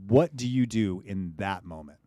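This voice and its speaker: A man's voice: on the low side, expressive, normal speed, mellow, no echo. A man co-hosting a casual football podcast, asking leading questions with jokey asides. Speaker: podcast co-host. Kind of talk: casual chat about football.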